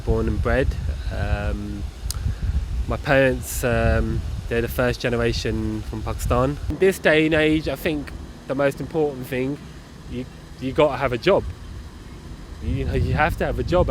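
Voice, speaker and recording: A man's voice: medium pitch, background noise. A man from Surrey with an English accent, talking casually and colloquially in an interview. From England. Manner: laid-back, colloquial.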